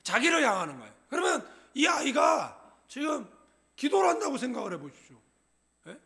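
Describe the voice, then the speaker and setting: A man's voice: very high voice, huge pitch swings, a little fast, vocal fry, pushed and bright, raised voice. A middle-aged male pastor preaching in a church, joking and conversational, often checking in with his congregation. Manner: humorous, conversational, asks the congregation "예?". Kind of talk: sermon. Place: church sanctuary.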